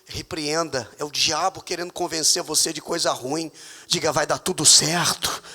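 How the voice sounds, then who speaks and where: A man with a Brazilian Portuguese accent preaching a sermon as pastor in a church, with emphatic, sudden loud high outbursts. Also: fairly even intonation, normal speed, long reverb tail. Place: church hall.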